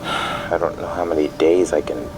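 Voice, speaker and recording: In a naturalistic audio drama phone monologue, a male actor on a fiction podcast voices a bewildered, anxious, isolated middle-aged father leaving voicemails. His very low voice is weary and confused, halting and hesitant and trailing off, over loud rumbling background noise.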